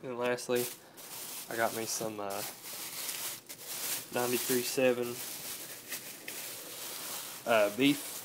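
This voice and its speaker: A man's voice: mid-range voice, fairly even intonation, slow pace, pauses often, noisy background. Laid-back nineteen-year-old guy vlogging. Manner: laid-back, rambling with many "uh" fillers. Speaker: fitness vlogger. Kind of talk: casual vlog. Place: home room, indoors. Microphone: phone camera close up.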